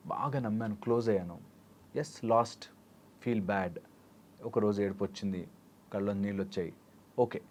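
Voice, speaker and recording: A man's voice: medium pitch, a little mellow. Man giving life-coaching advice. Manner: explains with everyday examples, mixing English phrases. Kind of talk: interview answers.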